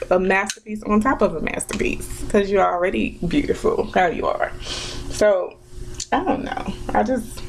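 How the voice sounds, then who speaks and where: A woman's voice: medium pitch, creaky, darkish tone, a little hiss or hum, poor audio. A woman in her twenties chatting casually while doing her makeup, reflective and full of fillers and restarts. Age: 20s. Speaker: vlogger. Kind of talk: casual chat during a makeup tutorial.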